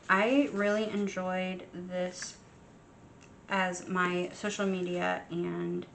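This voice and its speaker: A young adult woman chatting casually while setting up her journal, soft and unhurried, with frequent ums. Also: mid-range voice, a little hiss or hum. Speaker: journaling vlogger. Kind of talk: casual chat while crafting.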